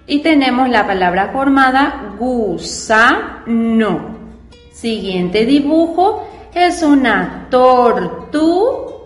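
A woman's voice: a little high, animated, drawn-out words. A woman teaching children to read, spelling out syllables patiently and asking the class simple questions. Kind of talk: reading and spelling lesson for children. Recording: echoey room with long reverb and faint music.

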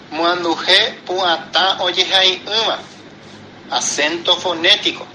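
Male teacher, slow and deliberate, very bright tone, faint traffic behind. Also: sits high, rough recording. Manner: slow, deliberate, explaining step by step. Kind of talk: bilingual grammar lesson.

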